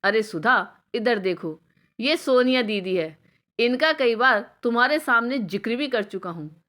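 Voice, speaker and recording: Gentle middle-aged husband, calm, reassuring, as a woman narrator voices him, storybook reading, fairly high voice. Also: measured pace.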